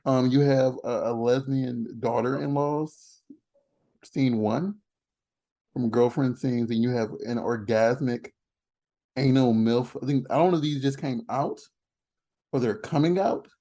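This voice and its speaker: A man hosting a casual interview, talking excitedly with frequent restarts and laughter. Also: mid-range voice, unhurried. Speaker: podcast host.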